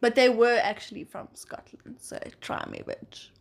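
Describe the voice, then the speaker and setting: A woman's voice: a little high, big pitch swings, moderate pace, gravelly. A young woman, making wry teasing remarks in a casual chat with friends.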